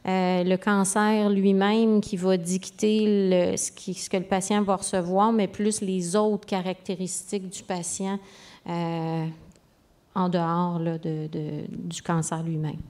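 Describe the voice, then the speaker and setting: A woman's voice: lowish voice, flat delivery, slow pace, darkish tone. A woman with a Québécois accent, a medical specialist giving an informal expert explanation to the public.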